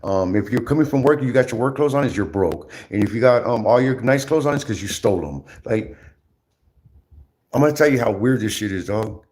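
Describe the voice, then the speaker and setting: A man ranting casually on his livestream, rambling and repetitive, with lots of slang, swearing and halting restarts. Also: mid-range voice, lively intonation, a little mellow.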